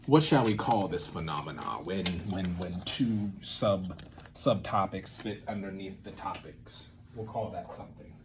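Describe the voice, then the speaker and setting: His voice sits low and moves at a measured pace, with background noise behind it. He is a theatre maker hosting a creative method series, improvising a casual tutorial full of playful rambling, thinking aloud and remarks to himself.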